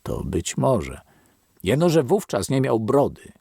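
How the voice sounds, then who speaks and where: A man's voice: medium pitch, wildly swooping pitch, gravelly, dark tone, husky, no echo, clean studio sound, pitched above the performer's own voice, exaggerated voice. Kawka, a man voicing a wary old grandfather. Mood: musing. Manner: slow, grumbling, mutters. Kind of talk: audiobook character reading.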